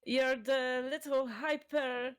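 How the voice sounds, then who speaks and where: A woman's voice: high voice, fairly even intonation, slow, smooth. A woman player in a tabletop game over voice chat, speaking hesitantly with many fillers. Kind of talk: tabletop role-play chat. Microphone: headset or desk mic over voice chat.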